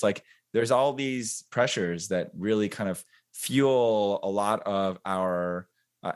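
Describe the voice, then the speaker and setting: A man in his forties with a lowish voice, guesting on a podcast. He speaks in a relaxed, thoughtful way, circling his points with plenty of fillers. He often laughs at himself along the way. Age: 40s. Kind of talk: casual interview conversation.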